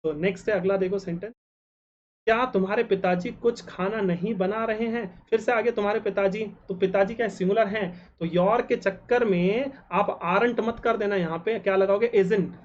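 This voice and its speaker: A man teaching English grammar, who asks the class questions and answers them himself and slows down to spell out each example sentence. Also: high-pitched, fairly even intonation, highs cut off, a little hiss or hum. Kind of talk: grammar lesson.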